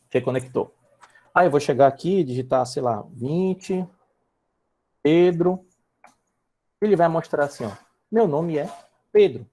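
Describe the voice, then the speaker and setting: A Brazilian instructor with a somewhat high but darkish-toned voice leads a live online coding session. He explains things one step at a time and checks in with the class often, repeating and restarting words as he types.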